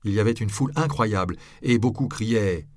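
In a measured, even storytelling style, a man with a fairly low pitch reads an audiobook. The recording is dry and studio quality.

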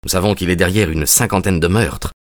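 A man's voice: deep voice, a little fast, no room sound, clean studio sound, close to an everyday voice. A man voicing an earnest young male detective in an audiobook, in a determined, earnest manner. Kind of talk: audiobook character reading.

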